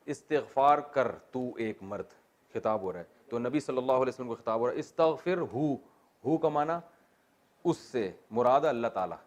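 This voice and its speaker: A middle-aged man teaching a Quran commentary class at a medium pitch. He works through the grammar step by step. He keeps stopping to put questions to the class and tosses in light jokes. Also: expressive. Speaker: religious teacher.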